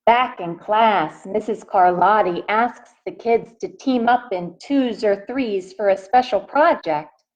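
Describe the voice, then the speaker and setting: A woman reading a picture book aloud expressively to children in a teacherly way, pausing to put questions to them. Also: medium pitch, poor audio. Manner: asks young listeners questions.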